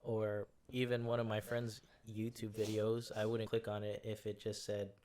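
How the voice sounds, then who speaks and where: A man's voice: lowish voice, completely flat delivery, normal speed, darkish tone. A young man co-hosting a casual podcast chat, rambling and hesitant with many fillers. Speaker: podcast co-host.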